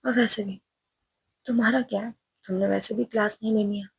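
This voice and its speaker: A woman's voice: mid-range voice, fairly even intonation, fairly quick, creaky, slightly rough, no room sound. A woman voicing a stern, irritable young college teacher who answers curtly and scolds. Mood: irritated. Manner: curt, scolding, dismissive.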